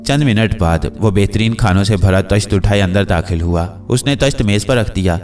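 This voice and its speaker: A man narrating a comic magical story in a lively storytelling manner. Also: on the low side, normal speed. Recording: distant mic with faint music.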